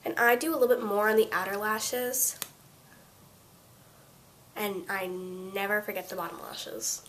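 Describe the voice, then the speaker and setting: A teenage girl with a blocked-up, congested voice from a cold talks through a beginner makeup routine at a middle pitch. She rambles, restarts her sentences and leans on fillers. A faint hiss of noise sits under her voice on the webcam mic. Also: steady tone, measured pace, a bit bright. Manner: rambling, chatty, full of fillers and self-corrections. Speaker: beauty vlogger. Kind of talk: casual makeup tutorial.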